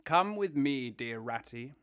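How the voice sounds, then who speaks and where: A man voicing a boastful, excitable, wealthy male toad who exclaims grandly. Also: medium pitch, unhurried, smooth. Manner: bombastic, exclaiming.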